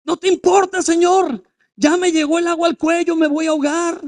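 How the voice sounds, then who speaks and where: A preacher voicing a panicked grown disciple who pleads in a high, strained voice during a storm. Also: male voice, fairly even intonation, moderate pace.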